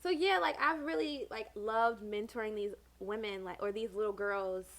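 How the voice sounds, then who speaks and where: A woman's voice: medium pitch, normal speed. A young adult woman co-hosting a podcast in casual chat, chatty and full of "like". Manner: chatty, says "like" often. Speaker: podcast co-host.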